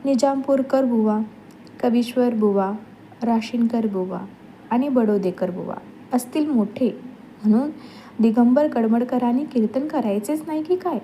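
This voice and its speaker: A woman's voice: on the high side, unhurried, mellow, slight background noise, low-quality recording. A woman reading a humorous novel aloud as an audiobook, telling the story expressively and acting out the voices of quoted relatives. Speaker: reader of a novel.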